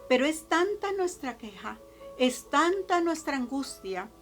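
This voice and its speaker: Slow, emphatic Mexican woman preacher. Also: sits high, sing-song, a bit bright, soft background music. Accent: Mexican Spanish. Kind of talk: sermon.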